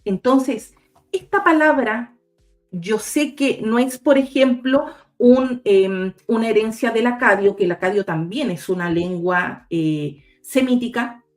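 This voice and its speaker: A woman with a fairly high voice explains things step by step in a patient, teacherly way, spelling out letters one at a time. She speaks over a video call, with faint music underneath. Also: a little slow. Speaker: guest researcher. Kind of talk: explanatory talk with slides.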